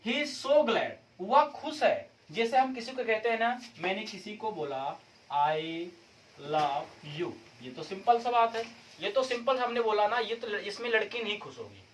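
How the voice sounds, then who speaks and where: A man's voice: high-pitched, animated, normal speed, fairly bright tone, recorded from a distance, slight background noise, rough recording. A man teaching English grammar in a video lesson, mixing in English terms and asking the viewer questions again and again. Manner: repeats rhetorical questions to the viewer; mixes English terms into explanation. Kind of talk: classroom-style video lesson.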